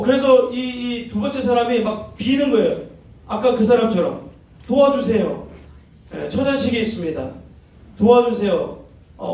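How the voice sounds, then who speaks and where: High-voiced male preacher in an echoey hall. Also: mellow, recorded from a distance. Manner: asks the audience questions, acts out quoted voices. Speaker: youth pastor. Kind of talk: interactive sermon to teens. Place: church hall. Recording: very echoey hall, heard from afar.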